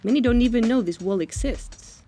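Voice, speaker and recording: A woman from Finland reading a scripted documentary narration as a reporter, calm and measured. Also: on the high side, soft background music.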